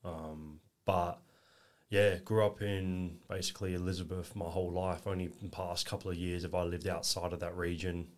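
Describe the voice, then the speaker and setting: A deep-voiced Englishman in his twenties chats as a podcast guest at a moderate pace, his tone level throughout. He's easygoing and rambles, padding his casual interview answers with plenty of fillers and "you know."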